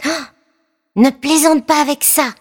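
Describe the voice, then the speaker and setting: A woman's voice: high voice, measured pace. A woman voicing a scrappy, tomboyish little fairy girl, earnest and a bit scolding. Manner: earnest, scolding, explains patiently.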